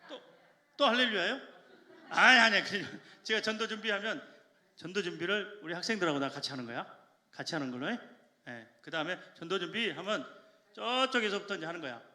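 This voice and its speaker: A man, a church elder, leading a joking, energetic evangelism rally and shouting chants to a congregation in a large church. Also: high-pitched, a little fast. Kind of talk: lively rally talk to a congregation. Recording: echoey church hall.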